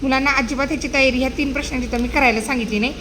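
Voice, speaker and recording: A woman's voice: sits high, steady tone, very fast, fairly bright tone, slight background noise. A woman teaching a poetry lesson to small children, questioning them in a sing-song way. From India. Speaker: primary school teacher.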